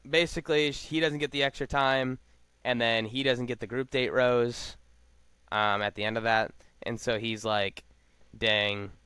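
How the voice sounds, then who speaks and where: A man's voice: medium pitch, fairly even intonation, pushed and bright, smooth, no echo. A man co-hosting a podcast, chatting casually and slangily as he recaps a reality show. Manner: laid-back, slangy, talks fast with lots of fillers. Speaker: podcast co-host.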